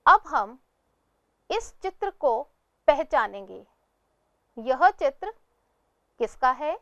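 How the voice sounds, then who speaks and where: A woman teaching a lesson in scripted narration, sounding out each syllable slowly and asking the pupils questions that she answers herself. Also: high-pitched, big pitch swings, bright, forceful tone, dry recording, muffled recording. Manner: slow, deliberate syllable-by-syllable pronunciation.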